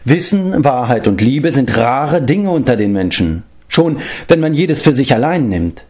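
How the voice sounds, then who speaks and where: A man voicing a jovial, talkative bard who declaims with lively emphasis in a storybook reading. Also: mid-range voice, unhurried, pitched above the performer's own voice. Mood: hearty.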